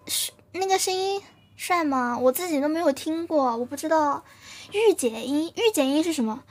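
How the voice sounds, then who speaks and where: A woman's voice: high-pitched, expressive, normal speed. A woman streamer chatting casually and playfully with her live viewers, often giggling and thanking them.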